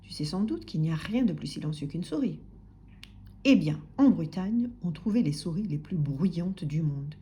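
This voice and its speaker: Expressive woman reading to children. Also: sits low, normal speed. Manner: expressive, soft-spoken, sometimes whispering. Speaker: storybook reader for children. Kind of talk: children's audiobook narration.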